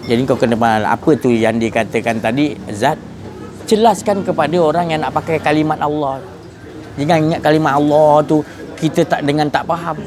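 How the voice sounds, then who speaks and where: Animated man preaching outdoors. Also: fairly high pitch, a little fast. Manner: animated, swings between hushed and emphatic. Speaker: religious teacher. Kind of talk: informal religious lecture. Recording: outdoor traffic noise behind.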